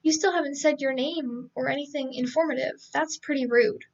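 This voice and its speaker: A dismissive, sharp-tongued teenage boy speaks curtly and coldly, as a woman reads him aloud. The voice sits high, with a gravelly edge. It comes through a dull, lo-fi stream mic. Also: moderate pace, distant mic. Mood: cold, scornful. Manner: curt, insulting, flat delivery.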